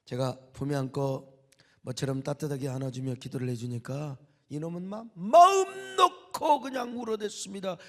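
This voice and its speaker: A middle-aged man preaching a sermon as a pastor, dramatic, dropping to hushed whispers and rising to shouts. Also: fairly high pitch, lively intonation, normal speed.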